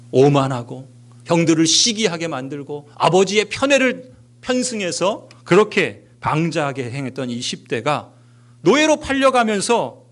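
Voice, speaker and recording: Emphatic middle-aged male pastor, lively pitch. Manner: emphatic, swinging between raised stresses and hushed near-whispers. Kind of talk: sermon. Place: church sanctuary.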